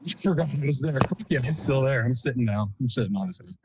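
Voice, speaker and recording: A man's voice: medium pitch, expressive, fast talker, a crowd in the background. A man playing a tabletop game, talking casually and swearing often over a phone call from his car. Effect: phone call from a moving car. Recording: dull lo-fi phone line from a car.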